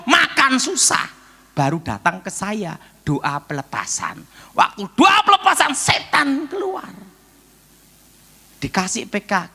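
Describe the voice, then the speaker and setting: Animated, bright-voiced pastor preaching. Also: male voice, high voice. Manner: lively storyteller who acts out loud prayers in sudden bursts; jokey, laughs at his own stories. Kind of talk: sermon with personal testimony.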